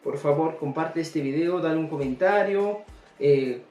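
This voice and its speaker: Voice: mid-range voice, unhurried, a little mellow. A language teacher giving a recorded video lesson, drilling words one at a time and often checking in with the class. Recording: roomy echo with faint background music.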